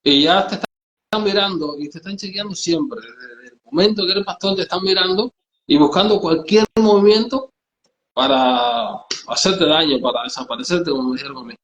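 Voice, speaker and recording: A man with a Cuban accent, a pastor telling his story in an interview, halting and repeating words as he goes. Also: fairly high pitch, a bit bright, roomy sound, lo-fi sound. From Cuba. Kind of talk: testimony in a conversational interview.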